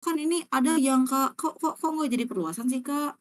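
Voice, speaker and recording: A woman doing a high, whiny puzzled student. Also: moderate pace, lightly acted. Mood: puzzled, insistent. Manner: whiny, insistent questioning. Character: puzzled young student pestering the tutor.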